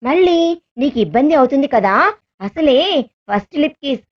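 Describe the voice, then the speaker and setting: A woman's voice: high voice, animated, normal speed, highs cut off. A woman voicing a tender, teasing young man. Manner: soft, affectionate teasing.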